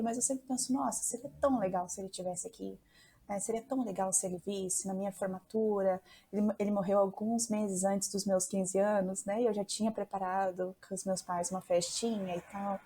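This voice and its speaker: A woman's voice: mid-range voice, mellow, breathy edge. A woman, a psychologist guest on a podcast, candidly telling a personal story and quoting what she and her family said. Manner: candid, quotes her younger self and family.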